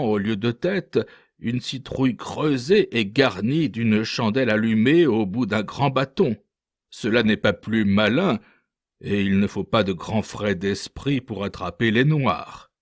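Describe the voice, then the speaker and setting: A man's voice: lowish voice, slow pace, no room sound, clean studio sound. A man voicing a boastful, scornful male ship's interpreter telling a mocking tale in a storybook reading. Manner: lively mocking anecdote-telling.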